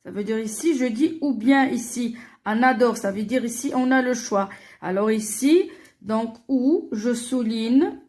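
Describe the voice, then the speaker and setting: A woman walking pupils through a French worksheet, slowly and deliberately, repeating each answer and filling pauses with "alors" and "euh". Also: fairly high pitch, darkish tone. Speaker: teacher. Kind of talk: worksheet walkthrough for primary pupils.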